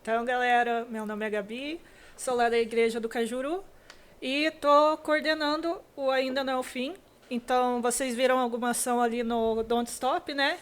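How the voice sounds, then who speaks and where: A woman with a high, smooth voice gives a short update about the event she coordinates. She speaks softly and keeps an even tone throughout. It is a casual word on a church podcast. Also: normal speed. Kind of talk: brief casual announcement.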